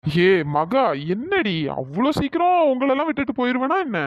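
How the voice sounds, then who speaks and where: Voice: high-pitched, big pitch swings, moderate pace, no echo, muffled recording. A performer voicing an injured young man in a cartoon story, reassuring and teasing his girlfriend. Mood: playful. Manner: reassuring, playful.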